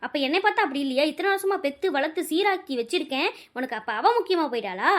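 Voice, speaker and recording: A woman's voice: sits high, animated, fast talker, fairly bright tone. A woman voicing a bossy middle-aged mother-in-law who nags and complains indignantly.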